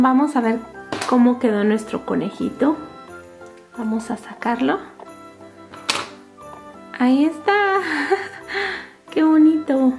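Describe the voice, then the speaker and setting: High-pitched, sing-song Latin American woman. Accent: Latin American Spanish. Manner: bright, sing-song, excited, addressing little viewers with diminutives. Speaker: host of a children's toy channel. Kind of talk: toy unboxing and craft narration for children. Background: background music.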